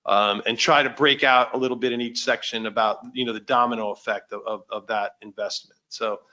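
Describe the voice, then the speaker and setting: A man's voice: mid-range voice, steady tone, fairly quick, bright, forceful tone, highs cut off. A man moderating a casual meeting discussion, chatty with many fillers and restarts.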